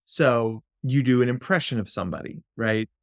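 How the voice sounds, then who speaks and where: Animated man speaking on a dry mic. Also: medium pitch, normal speed, no room sound. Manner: animated, playful, slips into silly voices. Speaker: clinical psychologist guest. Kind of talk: conversational podcast interview.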